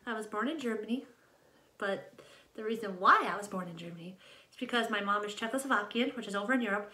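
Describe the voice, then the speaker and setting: Here her voice is mid-range with lively intonation, a quick pace and a sharp tone. As host of the channel, this nineteen-year-old from Ohio introduces herself in a casual, rambling vlog to camera, often cutting in on herself, from an echoey small room indoors at home.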